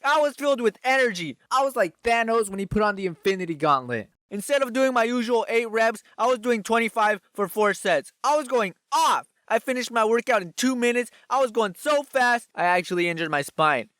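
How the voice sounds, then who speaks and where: A young man telling a comic personal story in an animated, sarcastic way. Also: fairly quick, few pauses, no room sound, studio quality. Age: young adult. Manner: animated, sarcastic, jumps in pitch for emphasis. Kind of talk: comedic storytime narration.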